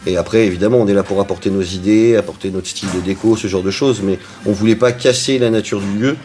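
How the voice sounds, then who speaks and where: A man's voice: fairly low pitch, fairly even intonation, fast, a little mellow, a little hiss or hum. A man who owns and cooks at a restaurant, answering interview questions in a chatty way with frequent hesitations. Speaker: restaurant owner and cook.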